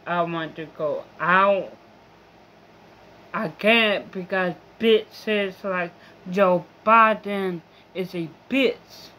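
A woman's voice: on the low side, fairly bright tone, slight background noise. A young woman vlogger in a rambling, profane, complaining monologue. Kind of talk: casual venting monologue.

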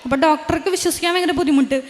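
A young woman with a very high, light voice tells her religious testimony, earnest and halting, often breaking off and restarting. Her voice rings with a long reverb, as if she is speaking in a large, echoing room. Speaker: testifying believer.

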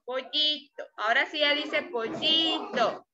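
A woman teaching kindergarten phonics remotely, her high voice moving at an unhurried pace. She breaks words into syllables and praises often. The recording is dull and lo-fi with steady noise behind her. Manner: slow, deliberate, sounds out syllables, frequent praise. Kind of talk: remote phonics lesson for small children.

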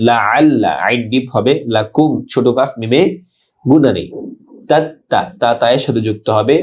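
Bangladeshi guy teaching quran recitation, stretches verses out slow then explains fast, mid-pitched voice. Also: darkish tone, husky. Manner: slow drawn-out recitation between quick plain explanations. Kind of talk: tajweed lesson, word-by-word explanation.

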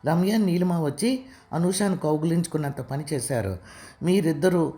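A woman narrating an audiobook story in a steady storytelling way. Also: fairly low pitch, normal speed.

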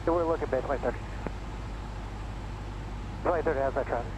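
A man's voice: medium pitch, brisk, lo-fi sound. A man, a pilot, reading back instructions over the radio in brief phraseology. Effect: pilot heard over the radio. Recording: noisy aircraft radio transmission.

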